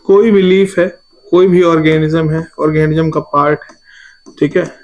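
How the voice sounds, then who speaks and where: A man's voice: fairly high pitch, steady tone, moderate pace, lo-fi sound. A man from India giving a biology exam-prep lecture. He quizzes his students by repeating each key term as a question and calls them "babu.". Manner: irritated by shouting outside. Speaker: biology teacher.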